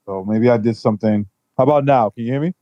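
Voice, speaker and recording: A man's voice: medium pitch, fast talker, dry recording. A man on a boxing podcast talking over a phone that sounds muffled, as if he were behind a wall, giving blunt opinions in casual chat. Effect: muffled, as if heard through a wall. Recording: dull, muffled phone audio.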